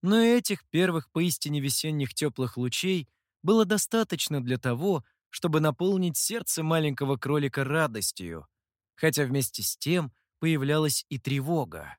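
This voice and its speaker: A man narrating a fantasy story with an expressive, animated reading. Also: on the high side, moderate pace, no room sound, clean studio sound.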